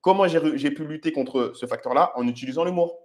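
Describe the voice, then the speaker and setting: A man's voice: on the high side, quick pace, a little mellow. A man comments on footage of his own approaches and explains his dating advice to viewers in a direct, instructive way, often checking in with "ok?". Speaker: dating coach.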